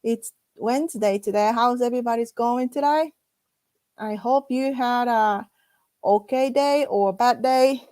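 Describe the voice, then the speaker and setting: A woman hosts a casual chat interview, her voice sitting a little high. She talks in a halting, friendly way, full of fillers and restarts. The sound is dry and close. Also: a little mellow, dry recording. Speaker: host.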